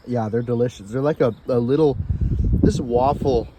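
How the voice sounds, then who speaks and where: A man's voice: mid-range voice, moderate pace, very noisy. A man vlogging outdoors while he cooks and tastes his food, chatting in an upbeat, rambling way. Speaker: cooking vlogger. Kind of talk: casual chat while tasting food.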